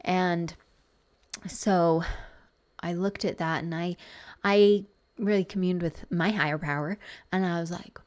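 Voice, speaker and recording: A woman coach hosting a podcast, talking earnestly and thinking aloud, with restarts and soft whispered asides. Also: on the low side, fairly even intonation, measured pace, pauses often. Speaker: podcast host and betrayal trauma coach. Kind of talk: personal reflective podcast talk.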